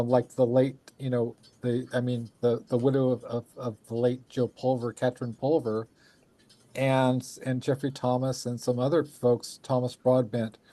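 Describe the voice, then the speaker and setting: Casting: male host, dark mellow tone, dry close sound, effusive, rambling conversational delivery. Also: mid-range voice, no echo. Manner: effusive, rambling, repeats phrases. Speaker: show host. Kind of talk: casual chat.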